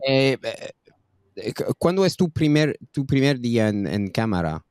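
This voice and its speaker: A man hosting a podcast, asking his guests halting questions and stumbling over his words. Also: mid-range voice, very animated, a little mellow, clean tone, no echo, clean studio sound. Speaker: podcast host. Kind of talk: interviewing.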